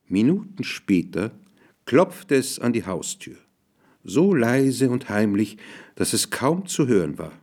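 A man narrating a dark tale in a measured, dramatic storybook reading. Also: on the low side.

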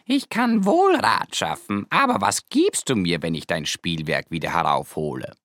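Lady putting on a low croaky storybook frog, slow and sly, voice swoops way down and back up, dry sound. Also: big pitch swings, fairly bright tone, no room sound, exaggerated voice. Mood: bargaining. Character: slimy male frog, pleading and sly. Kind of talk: storybook reading.

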